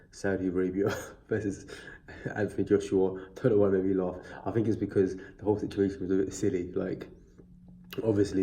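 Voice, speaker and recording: A boxing vlogger with a stuffy, sniffly cold chats casually through a boxing news video, rambling with many fillers and restarts. His voice is low-pitched with a dark tone. He records on his device's built-in mic, with no external mic.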